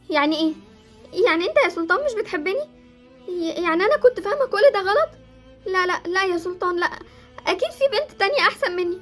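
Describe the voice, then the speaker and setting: Give me a young voice playing a lovesick Egyptian girl who talks extremely fast, with soft music behind. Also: very high-pitched. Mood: tearful. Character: young girl Jessie, lovesick, clingy, dramatic. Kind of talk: Roblox roleplay series acting.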